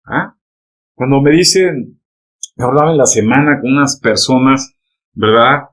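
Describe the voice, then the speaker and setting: A man's voice: mid-range voice, a little slow, a bit bright. A male pastor delivering a sermon, speaking directly to the congregation and constantly checking in with rhetorical questions. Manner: emphatic preaching, peppered with rhetorical "¿verdad?" and "¿amén?" checks; addresses the congregation directly, telling them to turn to each other.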